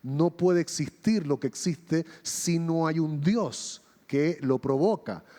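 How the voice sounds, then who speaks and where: Pastor preaching in a reverberant church. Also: male voice, slow, mellow. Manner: storytelling, acting out quoted dialogue with shifting pitch and pace. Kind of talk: sermon. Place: church hall. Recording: long reverb of a church hall.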